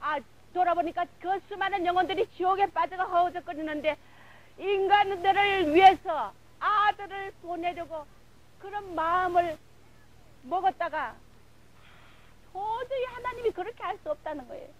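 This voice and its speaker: High-voiced fervent woman preacher. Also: moderate pace, low-quality recording. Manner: fervent, breathless retelling, runs of filler words. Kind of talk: emotional sermon testimony.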